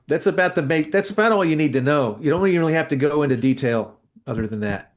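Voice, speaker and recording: This musician co-hosts a casual podcast, talking quickly with a fairly high-pitched, lively voice. He rambles, speaks bluntly, and often hunts for words mid-sentence.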